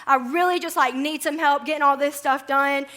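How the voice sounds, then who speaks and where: Woman acting out a high, flustered older sister begging for help. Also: fairly even intonation, moderate pace, sharp tone. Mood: frazzled pleading. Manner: pleading, exasperated. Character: flustered busy big sister, worked up.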